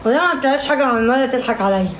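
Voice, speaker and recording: Her voice sits high and she talks very fast, with an Egyptian Arabic accent, as she squabbles and gripes at viewers on an informal livestream. The recording has a faint hiss or hum in an echoey space.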